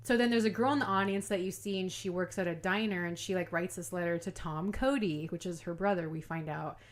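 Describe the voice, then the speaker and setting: A woman's voice: on the low side, fairly quick. A woman co-hosting a horror podcast, enthusiastically gushing about films and saying "like" a lot. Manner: gushing, enthusiastic, heavy use of "like". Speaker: podcast co-host. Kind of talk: casual chat.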